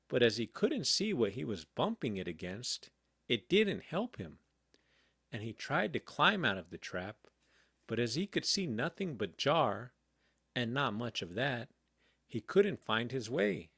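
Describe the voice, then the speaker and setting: Slow, gentle bedtime storyteller. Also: male voice, mid-range voice, sing-song, vocal fry, breathy edge, no echo, clean studio sound. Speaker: audiobook reader.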